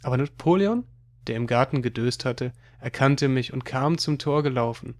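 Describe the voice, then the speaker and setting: A man reading a children's money book aloud as audiobook narration, in an even storytelling manner. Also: medium pitch, moderate pace. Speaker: audiobook reader.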